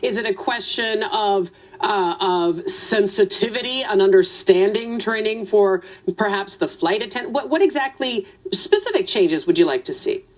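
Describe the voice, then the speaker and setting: A woman's voice: medium pitch, expressive, moderate pace, a little mellow. A woman hosting a news interview, empathetic and encouraging toward her guest. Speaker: news show host. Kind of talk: broadcast interview.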